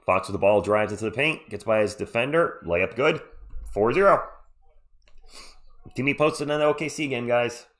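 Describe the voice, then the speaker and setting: A mid-range, slightly bright voice at normal speed, pausing often, belongs to a man hosting a casual live play-by-play stream. He has a cold and keeps up lighthearted banter with viewers during the sports commentary.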